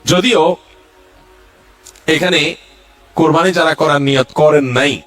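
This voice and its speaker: A man's voice: on the high side, slow pace, a bit bright, soft background music. A male Islamic preacher giving a religious lecture, going through numbered points and reciting Arabic verses.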